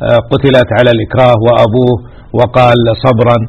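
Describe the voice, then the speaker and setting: A man's voice: fairly high pitch, fast talker, gravelly, darkish tone, slightly rough, lo-fi sound. A man teaching a religious lesson, exhorting his listeners and repeating key words for emphasis. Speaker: sheikh teaching hadith.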